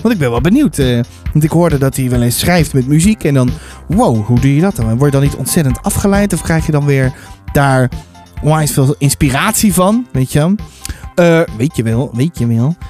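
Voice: mid-range voice, animated, moderate pace, darkish tone, faint music behind. A podcast host reading a children's story aloud and then chatting in a rambling, filler-heavy way.

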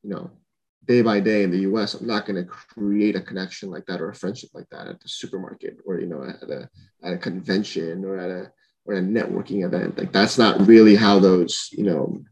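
Young man from Honduras, podcast guest, low-pitched, reflective, hesitant with fillers. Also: fairly even intonation, brisk, a little mellow, low-quality recording. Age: young adult. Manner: thoughtful, lots of fillers and restarts. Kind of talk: casual conversation.

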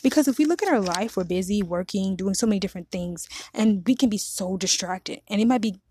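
A woman's voice: mid-range voice, brisk, mellow, a little hiss or hum. A woman giving casual faith-based dating advice to women, earnest and encouraging, repeating phrases and correcting herself as she goes. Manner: earnest, encouraging, addresses listeners as ladies; repeats phrases, frequent fillers and self-corrections.

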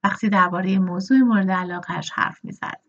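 A woman reading a novel aloud as an audiobook narrator, steady and measured. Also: medium pitch, muffled recording.

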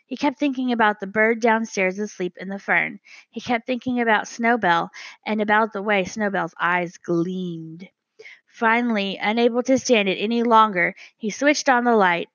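A woman reading a children's storybook aloud as narrator, measured and gentle. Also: medium pitch, no echo, dull audio. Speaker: audiobook narrator.

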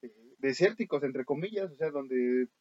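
A man's voice: medium pitch, expressive, moderate pace. A man with a Mexican accent co-hosting a casual horror film podcast, listing titles with fillers and frequent laughs. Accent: Mexican Spanish. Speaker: podcast co-host. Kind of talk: casual chat about horror films. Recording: dull dry lo-fi audio.

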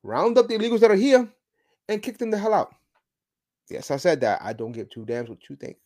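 A man's voice: sits high, lively intonation, fairly quick, dark tone. Ranting male podcast host. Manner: emphatic, ranting, with restarts. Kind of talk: political commentary monologue.

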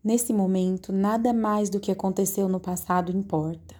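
Woman, guided meditation, slow soothing delivery, warm mellow tone. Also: mid-range voice. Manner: slow, soothing, calmly directive.

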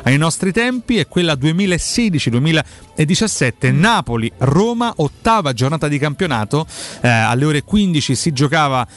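A man's voice: fairly high pitch, animated, moderate pace. A man hosting a radio show in a conversational sports-talk style.

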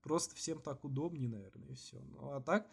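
A man co-hosting a podcast in casual, slangy chat with swearing, halting with many false starts and repeats. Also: medium pitch, gravelly, husky. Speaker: podcast co-host.

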